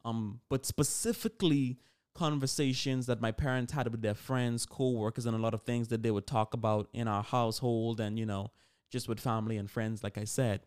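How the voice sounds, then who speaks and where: Talking casually on his solo podcast, an eighteen-year-old host keeps things informal and frequently corrects himself mid-thought. He speaks at a moderate pace with medium pitch and fairly even intonation. The tone comes across clean and a little mellow.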